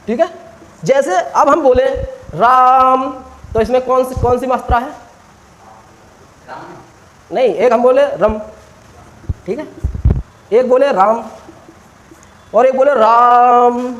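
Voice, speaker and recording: A man's voice: extremely high pitch, measured pace, long pauses, low-quality recording. A man teaching a classroom grammar lesson, quizzing students with short questions and stretching vowels out to demonstrate.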